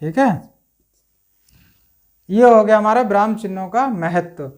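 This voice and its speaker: A man with a fairly high voice teaching a grammar lesson. He works through it step by step and keeps checking in with his listeners. Now and then he stops to clear his throat. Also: unhurried, a little mellow. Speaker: Hindi teacher.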